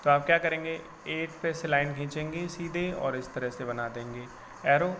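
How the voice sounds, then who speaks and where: A man's voice: a little high, fairly even intonation, moderate pace, noisy background. A man teaching a recorded math lesson to children, patiently repeating each step and reassuring them it is simple.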